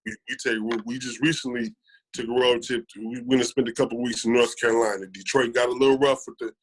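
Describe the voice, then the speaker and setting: Speaking fast with a flat delivery, a medium-pitched American man in his thirties shares casual, earnest stories as a guest on a podcast. He tends to repeat phrases to stress a point, and the recording is rough.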